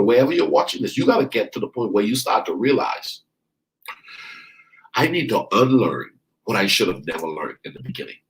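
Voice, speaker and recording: A man from the Bahamas, a life coach preaching a motivational sermon, speaking to his listeners directly, repeating lines for stress and drawing out key words slowly. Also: mid-range voice, rough recording.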